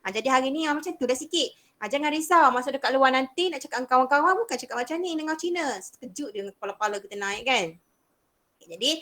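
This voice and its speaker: In this online language lesson, a young Malaysian Malay-accented woman patiently explains beginner Mandarin and repeats sounds as demonstrations. She has a high, bright voice with a forceful tone.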